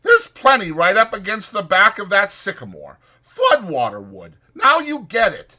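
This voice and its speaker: A man voicing an irritable, bossy, sharp-tongued migrant farmhand for an audiobook, with brusque, exasperated, rustic speech. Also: sits high, wildly swooping pitch, moderate pace, pitched above the performer's own voice, full character voice.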